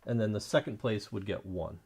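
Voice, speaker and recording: A man's voice: fairly low pitch, a little fast, a little mellow, husky. Man thinking aloud over a board game. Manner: thinks aloud, rambling with fillers. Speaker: board game stream co-host. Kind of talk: casual chat while playing a board game. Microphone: streaming mic.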